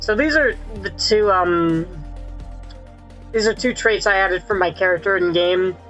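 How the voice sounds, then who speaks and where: A streamer talking through a live gameplay session with a voice digitally pitched up like a chipmunk, rambling and correcting themselves with frequent laughs. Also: measured pace, a bit bright, muffled recording, soft background music. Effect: pitched-up chipmunk-like voice filter.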